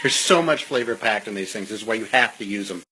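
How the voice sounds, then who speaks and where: A man's voice: lowish voice, fast, poor audio. A man giving a casual, playful cooking demonstration in a home kitchen, loose and tipsy, swearing freely as he talks. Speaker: home cook hosting a cooking video.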